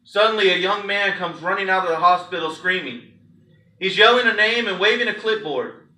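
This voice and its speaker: A high-pitched man with a sharp tone, a pastor, dramatizes a story for his congregation at normal speed, reading it in a theatrical, emphatic style. The sound comes through a distant microphone in an echoing room.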